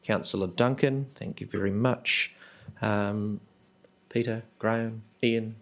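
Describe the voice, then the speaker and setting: Man, New Zealand accent, committee chair, gravelly, lowish, brisk and businesslike. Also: steady tone. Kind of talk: formal meeting procedure. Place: council chamber.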